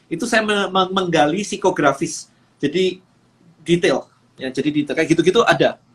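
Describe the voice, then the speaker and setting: A business coach on a live stream talks energetically in a fairly high, fairly bright voice at a moderate pace. He mixes English phrases into his speech and uses frequent fillers.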